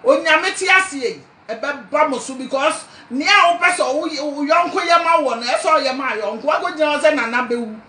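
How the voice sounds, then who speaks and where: A woman's voice: high voice, moderate pace, few pauses, sharp tone. An older Ghanaian woman speaking to a phone camera indoors, scolding, pleading and preaching at someone in an impassioned address. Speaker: party supporter. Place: indoor room at home. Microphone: phone camera close up.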